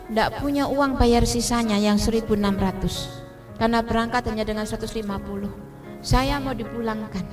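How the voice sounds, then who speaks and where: A woman from Indonesia preaching a testimony sermon in church, switching between Indonesian and English and translating herself, often asking her listeners if they understand. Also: fairly high pitch. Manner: addresses listeners directly, checks they understand.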